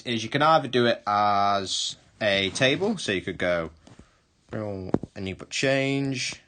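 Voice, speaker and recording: A man's voice: on the low side, fairly bright tone. A male history teacher giving a recorded online lesson, explaining step by step, rephrasing and correcting himself as he goes.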